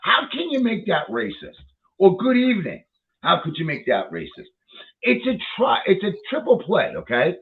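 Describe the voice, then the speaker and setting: A man's voice: high voice, huge pitch swings, moderate pace, vocal fry. A man ranting in a heated, profane commentary, swearing often and repeating himself as he reacts to a video. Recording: tinny phone-like line.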